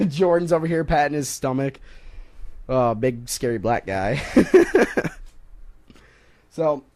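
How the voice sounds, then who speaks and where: A young man hosting a casual sports talk radio show, joking and rambling between topics and quick to laugh. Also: fairly high pitch, expressive, a little mellow. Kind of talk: casual college radio banter.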